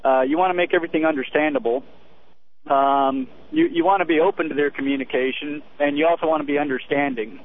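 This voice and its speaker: Halting army sergeant guy calling in, highish lively voice, tinny phone line. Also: a little hiss or hum. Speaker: army sergeant phoning a radio show. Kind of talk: informal call-in interview.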